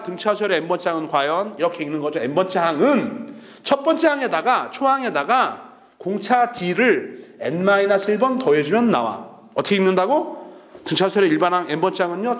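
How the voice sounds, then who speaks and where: A man's voice: high-pitched, roomy sound. A male math teacher giving an online lecture, blunt and teasing, switching between casual and polite speech.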